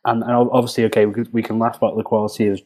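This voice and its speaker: A man's voice: medium pitch, level tone, racing, darkish tone. A man with a Scouse accent giving football analysis on a podcast, thinking aloud with frequent restarts. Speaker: football pundit. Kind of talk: casual podcast chat.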